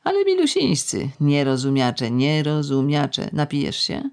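An audiobook reader voicing a bitter, tipsy middle-aged woman who rambles in a sardonic, ironic way, drawing out words slowly. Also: deep voice, wildly swooping pitch, gravelly, darkish tone, full character voice. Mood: mocking. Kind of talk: audiobook character reading.

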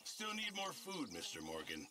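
A man's voice: medium pitch, wildly swooping pitch, moderate pace, noisy background. An actor playing a nagging male camp cook in a Western video game. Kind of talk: video game drama acting.

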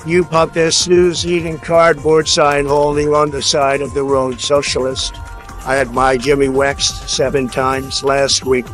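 A man's voice: medium pitch, little pitch movement, measured pace, a bit bright, soft background music. A synthetic male text-to-speech voice reading donation messages in a stiff, evenly paced way.

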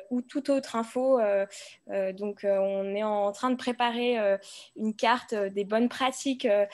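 A woman's voice: a little high, warm tone. A young adult woman, a master's student, presenting her group's project in a friendly, informal way with frequent fillers.

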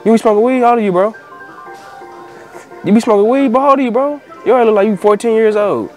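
A young American prank show host banters casually in slang, often repeating himself, in an outdoor parking lot and inside a large store. He talks fast in a high, slightly mellow voice, with soft music in the background.

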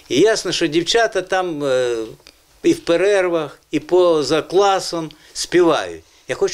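A man hosting an educational children's TV show about language, explaining words patiently and encouraging the children in the studio. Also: a little high. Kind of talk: educational TV presenting.

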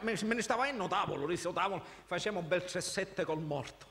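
A man's voice: high voice, brisk, vocal fry, sharp tone, exaggerated voice. A man with a Sicilian accent playing a cheeky priest who rambles and giggles through a comic sketch. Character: cheeky, chattering priest, Padre Attanasio. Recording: reverberant hall, faint noise.

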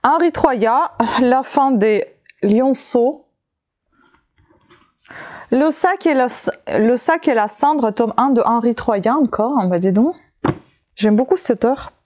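A woman vlogger with a soft voice and fairly high pitch slowly lists books she found, chatting casually in a haul video. She speaks French with a non-native accent, hesitating often and using many fillers.

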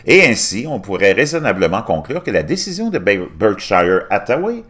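A man's voice: fairly low pitch, sing-song, normal speed, fairly bright tone. A middle-aged man hosting his own channel, reading news articles aloud from his screen and adding his own asides. He often stumbles and restarts words while reading, recorded on a desktop mic in a small room at home. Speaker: YouTube channel host.

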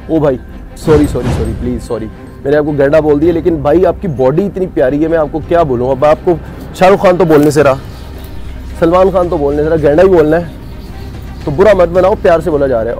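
A man's voice: fairly high pitch, warm tone. A man giving casual walking vlog commentary while touring a cattle farm outdoors, chatty and joking with his viewers.

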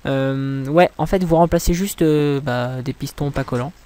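A young French man who makes gaming tutorials gives casual, rambling commentary in a smooth, darkish, mid-range voice at an unhurried pace. He mocks himself and swears whenever things go wrong.

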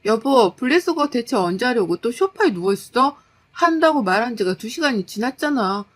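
A woman's voice: on the high side, big pitch swings, moderate pace. A woman voicing an exhausted working wife who scolds her husband in exasperation in a story. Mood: exasperated scolding.

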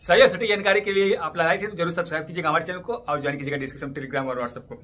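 Brisk, bright-voiced man chatting to camera. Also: a little high. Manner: chatty, repeats channel plugs, walks through app steps. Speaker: cricket ticket update YouTuber. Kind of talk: casual tutorial vlog. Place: indoors in front of a green screen stadium backdrop.

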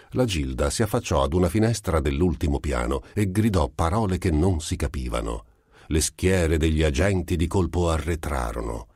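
A man reading a literary short story aloud as an audiobook, in a measured, dramatic storytelling manner. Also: deep voice, a little mellow, no room sound, studio quality. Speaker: audiobook reader. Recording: amateur home recording.

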